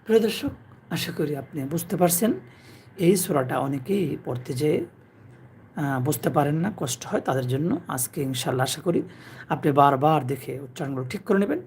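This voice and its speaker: A man from Bangladesh teaching Quran recitation to viewers, chanting verses slowly and drawn out, then explaining pronunciation quickly. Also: fairly high pitch, animated, vocal fry, darkish tone, slight background noise. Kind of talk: tajweed lesson for viewers.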